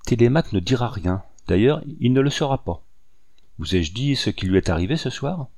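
A man voicing a cunning, scheming older woman who speaks curtly and in a hushed tone, in a dry recording. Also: mid-range voice, animated, brisk, dry recording. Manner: curt, sharp, hushed.

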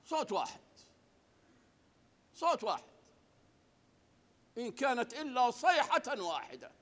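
A man preaching a Friday sermon, swinging from hushed tones to loud outbursts. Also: extremely high pitch, very animated, unhurried, big-room sound. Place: mosque.

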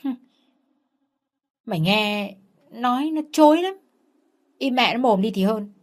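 A woman's voice: expressive, unhurried. A woman voicing a haughty, bossy young sister-in-law in a told story. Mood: sneering. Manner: sneering, high-handed.

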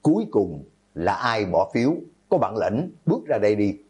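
A man voicing a hot-headed teenage schoolboy who yells and curses at his classmates, in a horror audiobook. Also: fairly low pitch, very animated, normal speed, slightly rough, full character voice. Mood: furious. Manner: yelling, cursing.

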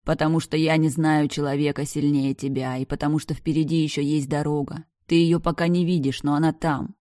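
A woman reading the lines of a gentle, protective older brother in an audiobook, soft and reassuring. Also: sits low, little pitch movement, a little fast, no room sound, studio quality, lightly acted. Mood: tender. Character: gentle protective dead older brother, tender young man.

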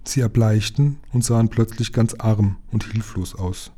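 A man reads a children's book aloud at a calm, even pace. His voice is fairly low and mellow, with a warm, relaxed tone. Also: measured pace, slightly rough. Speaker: reader.

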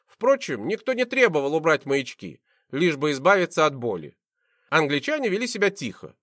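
A man reading a first-person audiobook in an expressive, animated way, into a close studio mic. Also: a little high, normal speed, no room sound. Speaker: audiobook narrator.

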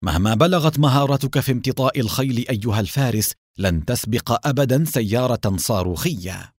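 A man's voice: mid-range voice, fairly quick, darkish tone, no room sound, clean studio sound, lightly acted. A man voicing a confident young detective. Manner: confident, determined. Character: clever young male detective hero, confident.

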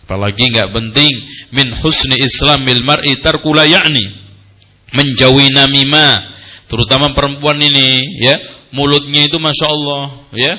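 Bright, animated preacher man. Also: mid-range voice, moderate pace, long pauses. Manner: animated, jokes with the audience, quotes Arabic. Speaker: Islamic preacher. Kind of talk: sermon with humor.

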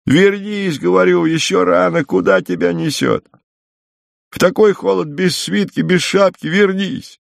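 A man voicing a kindly but sharp-tongued older peasant woman in an audiobook. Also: lowish voice, slow, creaky, no room sound, studio quality. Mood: scolding. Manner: coaxing then sharply scolding.

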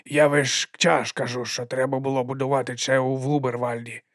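A man's voice: medium pitch, little pitch movement, normal speed, no room sound, studio quality, natural voice. A man voicing Igor, an eager male servant who talks with a lisp.

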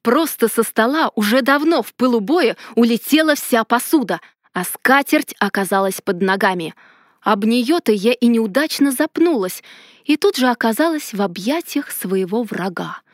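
A woman narrating a first-person fantasy romance, telling it in a lively and expressive way. Her voice sits on the high side. The recording is close and completely dry. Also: moderate pace, dry recording. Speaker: audiobook narrator.

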